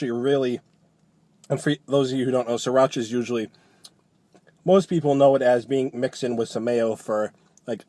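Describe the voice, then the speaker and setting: A man's voice: mid-range voice, dark tone, no room sound. A man giving a casual, chatty food review, talking loosely and often rephrasing as he goes.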